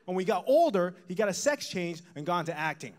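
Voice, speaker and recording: A man from Taiwan doing a stand-up set, telling stories in a deadpan way with bursts of laughter. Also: high voice, fast. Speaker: stand-up comedian.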